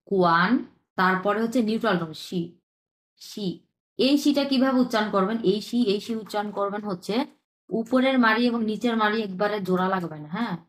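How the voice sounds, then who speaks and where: A woman teaching an online language lesson, who says each word slowly two or three times and checks in with short questions. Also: medium pitch, roomy sound. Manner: repeats words slowly, checks in with "হ্যাঁ?".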